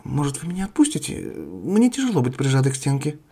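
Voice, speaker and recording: A man voicing a young, ambitious female interdimensional trader who answers quickly and warily. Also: medium pitch, huge pitch swings, mellow, breathy edge, voice pushed up. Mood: wary.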